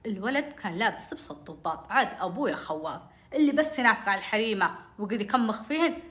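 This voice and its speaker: A woman telling a personal story, animated and acting out the dialogue. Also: mid-range voice, fast talker.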